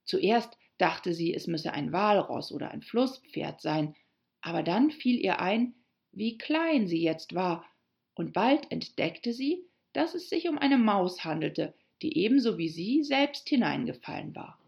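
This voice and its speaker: A woman narrating a story aloud in an audiobook style, slow and expressive. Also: medium pitch, vocal fry, dull audio. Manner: slow, expressive, lively reading.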